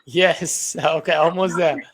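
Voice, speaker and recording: A man's voice: fairly high pitch, fairly even intonation, slow, fairly bright tone. Iraqi man. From Iraq. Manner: opinionated, argues his points. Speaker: English teacher, student. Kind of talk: casual conversation practice. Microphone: professional microphone.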